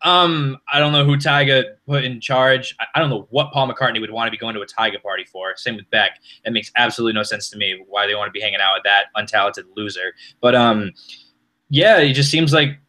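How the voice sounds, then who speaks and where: A young man co-hosts a casual podcast, his voice bright and forward. He talks in a lively, rambling way, often restarting his sentences as he goes. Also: mid-range voice, fairly quick. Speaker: podcast co-host. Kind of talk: casual chat.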